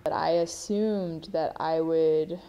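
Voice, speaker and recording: A woman's voice: low voice, steady tone, slow, mellow, lo-fi sound, slight background noise. A woman in her twenties, a college student giving a reflective documentary interview with frequent ums. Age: 20s.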